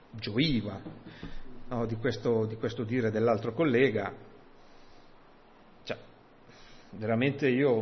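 A man giving an informal, conversational sermon, often checking in with "no?" and reading scripture aloud. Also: medium pitch. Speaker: preacher. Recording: dull sound with long hall reverb.

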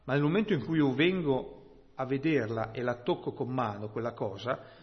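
Preacher in a reverberant hall. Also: male voice, mid-range voice. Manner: slow, emphatic Bible exposition with rhetorical "no?" and "hm?". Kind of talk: sermon. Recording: dull, long-reverb church hall sound.

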